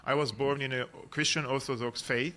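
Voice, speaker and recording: A man's voice: medium pitch, fairly even intonation, a little fast, pushed and bright. An earnest man with a Syrian Armenian accent, a journalist and analyst speaking as a guest in a podcast interview, with frequent fillers and restarts.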